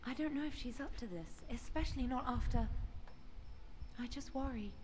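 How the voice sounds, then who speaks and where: A woman's voice: high-pitched, normal speed, a little mellow, a little hiss or hum, natural voice. A woman playing a worried, shaken young female mage in a video game. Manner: worried, fearful.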